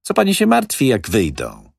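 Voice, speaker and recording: A man reading the part of a brash, boastful middle-aged male building manager, talking loud and cocky. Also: mid-range voice, huge pitch swings, normal speed, gravelly, slightly rough, no room sound, clean studio sound, pitched above the performer's own voice, exaggerated voice.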